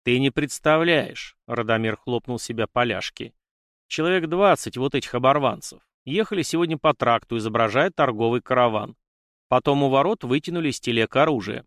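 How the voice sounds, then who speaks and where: A man's voice: medium pitch, lively intonation, brisk, fairly bright tone, no echo, studio quality. A man voicing a burly, blunt guard in an audiobook, talking in a hearty, blustering way. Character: burly blunt male guard, club in hand.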